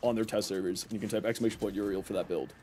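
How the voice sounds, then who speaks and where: A man giving casual live game commentary and answering chat in a tired, low-energy, flat voice that sounds worn out. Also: racing. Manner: low-energy, sleepy, flat burned-out delivery. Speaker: game livestreamer. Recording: clear background noise from game audio. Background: video game sounds.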